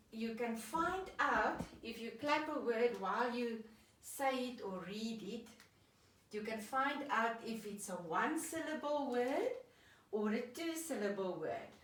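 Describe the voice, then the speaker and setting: A woman teacher giving a children's reading lesson, patiently sounding out and clapping words. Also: fairly high pitch. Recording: echoey room, voice from a distance.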